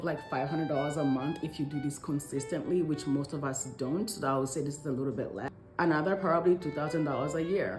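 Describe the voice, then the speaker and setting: In an echoey room, a woman with a lowish, slightly mellow voice speaks to camera for her lifestyle vlog. She's a stay-at-home mum in her thirties from Congo, following a script yet sounding chatty and emphatic.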